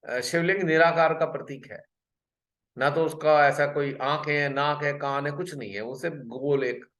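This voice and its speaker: A man giving a spiritual talk on a video call, earnest and pausing, often repeating a phrase before going on. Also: fairly high pitch, steady tone, a bit bright, echoey room. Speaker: spiritual workshop speaker.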